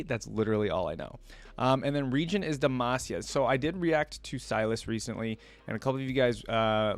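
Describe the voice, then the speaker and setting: Hosting a reaction video, a man with a medium-pitched voice chats conversationally, thinking aloud while he comments and reads lore.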